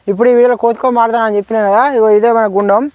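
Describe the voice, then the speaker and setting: High-voiced man vlogging outdoors. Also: little pitch movement, racing, a little mellow, dry recording. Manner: chatty, addresses viewers as friends. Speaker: vlogger showing a village game. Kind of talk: casual outdoor vlog narration. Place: outdoors among trees.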